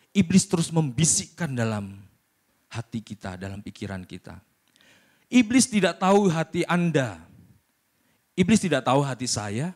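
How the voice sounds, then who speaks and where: A man preaching a sermon at a church service, lively and colloquial, who often acts out voices. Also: on the high side.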